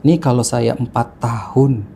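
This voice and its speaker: A man in his thirties talks through his life story as a podcast guest, stopping often on fillers and restarting his sentences. His voice is mellow and warm. A faint hiss sits under the recording. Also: mid-range voice, a little slow, vocal fry. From Jakarta, Indonesia. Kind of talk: casual interview chat. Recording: faint background noise.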